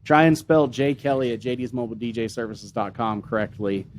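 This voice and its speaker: A man hosting a business podcast, talking in a relaxed, conversational way with lots of "you know" and "um". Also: mid-range voice, fairly quick, a little hiss or hum. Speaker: podcast host, marketing agency owner. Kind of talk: casual podcast chat.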